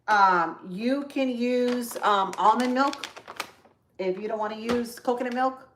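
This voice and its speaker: An upbeat woman with a Spanish accent hosts a live cooking demo from her home kitchen. She chats with viewers, greets them by name and walks through each step. The room is echoey and a faint hiss sits under her voice. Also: medium pitch. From Central Florida, United States. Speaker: host of a live cooking stream.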